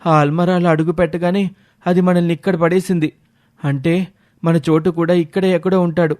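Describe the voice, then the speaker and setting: A man's voice: fairly high pitch, little pitch movement, moderate pace, a little mellow, dry recording, studio quality, close to an everyday voice. A man playing a loyal, determined young man. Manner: urgent, calling out and determined. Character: brave, loyal young man searching for his friend. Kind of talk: animated storybook voice acting.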